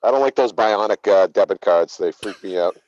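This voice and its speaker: A man from Massachusetts, co-hosting a sports show over a video call with gruff, profane, sarcastic ribbing. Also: on the low side, fairly quick, a little mellow, dry recording. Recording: dull lo-fi video call audio.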